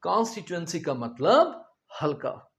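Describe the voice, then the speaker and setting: Slow-speaking male teacher. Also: fairly high pitch, sing-song. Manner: spells words letter by letter and explains them simply; addresses the students directly with questions. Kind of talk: vocabulary lesson.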